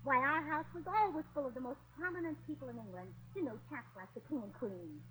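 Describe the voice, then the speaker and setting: A woman's high, animated voice comes quickly and a bit bright, over a little hiss or hum on a rough recording. She plays a scatterbrained American wife faking a posh English manner, full of chirpy, muddled slang like "blimey" and "governor" in the style of 1940s radio comedy. Her mood is giddy.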